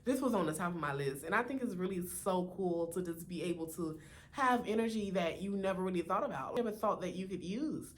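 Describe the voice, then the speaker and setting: An American woman with a lowish voice, lively intonation and a brisk pace hosts videos in a sassy, chatty way. A slight lisp from braces colors her speech, and she sprinkles in "honey", "you know" and "right?".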